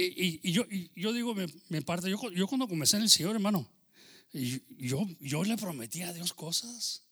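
A man's voice: high voice, a bit bright. A man preaching a sermon, calling out to his listeners as brother and punctuating with praise, slipping into English phrases now and then. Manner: preaching with rising fervor, calling out "hermano" and "aleluya"; code-switches into English phrases.

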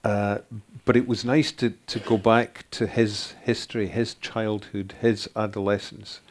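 Older guy, lowish voice, thinks aloud and restarts a lot. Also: level tone. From Scotland. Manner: thoughtful, halting restarts. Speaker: author guest. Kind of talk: interview answers.

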